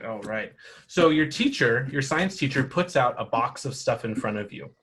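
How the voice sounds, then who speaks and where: A man's voice: medium pitch, lively intonation, normal speed, a bit bright. A man running a tabletop role-playing game for children, explaining the rules patiently and encouraging the players. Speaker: game master.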